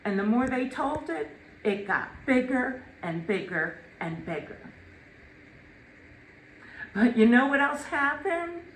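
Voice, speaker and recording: A woman with a fairly high voice delivers a eulogy at a slow, deliberate pace. She tells family stories with dramatic pauses and emphasis. The room echoes around her. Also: sing-song. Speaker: eulogist, daughter of the deceased. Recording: echoey room with faint noise.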